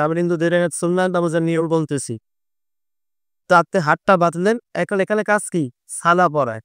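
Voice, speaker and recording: A man's voice: fairly high pitch, clear, resonant tone, dry recording, studio quality. A male preacher, teaching prayer step by step and asking and answering his own questions. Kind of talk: instructional sermon on prayer.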